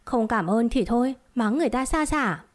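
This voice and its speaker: A woman's voice: a little high, expressive, moderate pace, natural voice. A woman voicing a brash young man who retorts and teases, in a storybook reading. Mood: retorting. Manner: retorting, teasing. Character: brash young man, teasing adoptive father.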